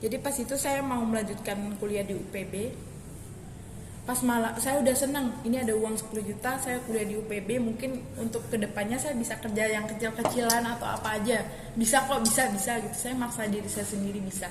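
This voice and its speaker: This young adult woman speaks quickly, her voice on the high side with fairly even intonation, as she tells her story to an interviewer. Her account is casual and rambling, with plenty of restarts and fillers. The recording carries hall echo and background noise.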